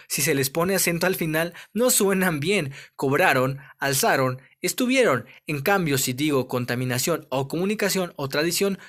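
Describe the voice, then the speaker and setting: A male teacher walks pupils through a lesson summary, leaning hard on the key words. His voice sits a little high and swings widely in pitch, which keeps the explanation animated. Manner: clear didactic explaining, stressing key words. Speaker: primary school teacher.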